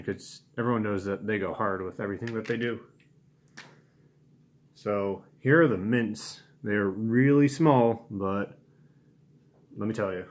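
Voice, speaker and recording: A man in his twenties chatting casually to camera in a laid-back, understated way, recorded at home. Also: mid-range voice. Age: 20s. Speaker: challenge video host. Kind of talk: casual vlog chat to camera. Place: small home room indoors.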